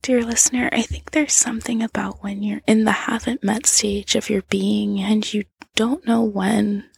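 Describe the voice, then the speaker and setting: A woman narrating a whispered role-play, speaking softly and intimately to the listener on a close mic. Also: medium pitch, little pitch movement, normal speed, creaky, slightly rough, no room sound.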